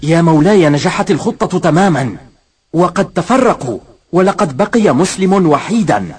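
A man's voice: a little high, animated, moderate pace, darkish tone, breathy edge. An actor playing an earnest, deferential officer reporting to his lord in an Arabic historical drama, in formal Classical Arabic. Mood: dutiful.

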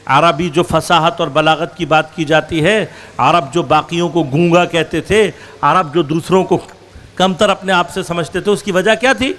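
A man with a notably high-pitched voice gives a religious lecture to a gathered audience. He poses rhetorical questions and answers them himself, working through examples with slow, stressed phrases and quicker runs. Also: steady tone, fairly bright tone. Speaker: religious scholar.

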